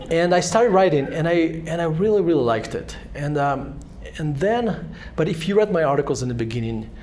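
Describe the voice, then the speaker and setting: A Russian-accented man in his forties, an author, is a guest at a fireside chat in a synagogue hall, speaking into a handheld microphone. He tells rambling, self-deprecating stories full of restarts. His voice is a little high and a little mellow, with slight background noise.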